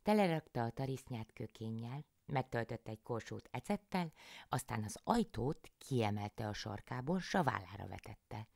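A woman reading a folk tale aloud as a bedtime story, calm and measured, close to the microphone. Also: very deep voice, gravelly, no echo.

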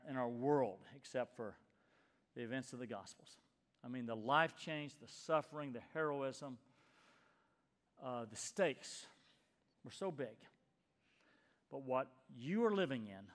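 A man in his sixties preaching a sermon as pastor, emphatic and swinging from loud urging down to hushed near-whispers. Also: mid-range voice. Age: 60s. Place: church sanctuary. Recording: long reverb of a church hall.

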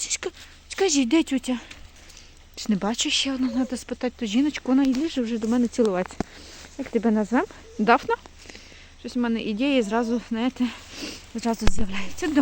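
A woman rescuing a stray dog and puppies, narrating quickly and nervously while filming on her phone outdoors by a forest, slipping into high baby talk with the dogs. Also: a little mellow, slight background noise. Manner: talks fast when nervous. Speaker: animal rescue volunteer. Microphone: phone camera held while filming.

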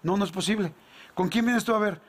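A man with a Mexican Spanish accent telling a long anecdote on a talk show, animated and slangy, acting out the dialogue. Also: high voice, fairly quick, slightly rough.

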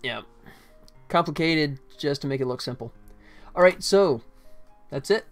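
Soft music plays in the background as a middle-aged game developer streams himself working and comments live in brief, offhand fragments. His voice is a little high, with lively intonation and an unhurried pace.

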